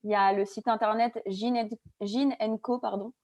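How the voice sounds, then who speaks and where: A woman's voice: mid-range voice, fairly even intonation, normal speed, a little mellow. A woman making a casual, informative contribution to an online discussion, explaining things item by item. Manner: explanatory, lists resources.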